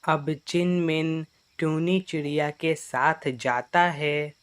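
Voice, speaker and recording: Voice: mid-range voice, steady tone, takes it slowly, clear, resonant tone. A narrator telling a children's cartoon story in a plain, storytelling way.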